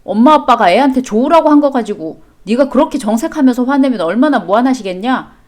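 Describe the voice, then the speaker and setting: A woman's voice: a little high, lively intonation, fast, darkish tone, natural voice. A woman voicing a defensive young husband in a storybook chat drama, talking back with a sneering edge.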